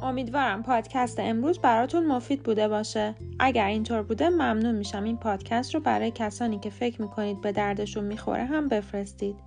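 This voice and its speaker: Podcast host, woman, native Persian speaker, a touch high-pitched, clear scripted teaching delivery with slow letter-by-letter spelling. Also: music in the background.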